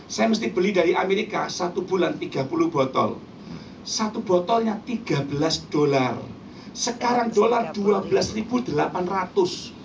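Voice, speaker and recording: A woman preacher, giving a lively, joking sermon to a church congregation and acting out quoted voices. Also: fairly low pitch, normal speed, background noise. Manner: animated, jokey, mimics voices for effect. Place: church hall before a congregation. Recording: distant, dull live church recording.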